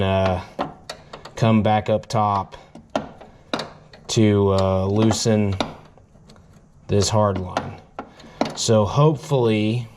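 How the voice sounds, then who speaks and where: A man with a fairly low voice and a faint hiss or hum in the recording hosts his garage channel. Working at and under a car in his home garage, he rambles casually through a work-along narration, joking at his own expense as he wrenches.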